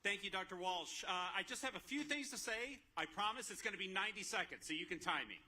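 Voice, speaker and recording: Bright-voiced man giving a commencement speech. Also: high-pitched, quick pace. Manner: earnest, listing thanks at a steady clip. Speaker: university president. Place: outdoor graduation ceremony over a PA.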